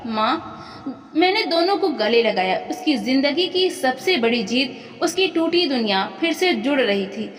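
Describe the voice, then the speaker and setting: A woman narrating an emotional story in a heartfelt first-person way. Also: high-pitched. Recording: echoey room with long reverb.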